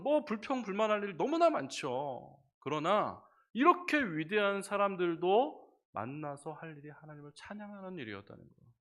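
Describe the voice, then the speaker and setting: Male pastor, middle-aged, church sermon; chatty, questions the congregation, slightly high voice. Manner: lively, conversational preaching with questions to the congregation. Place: church sanctuary.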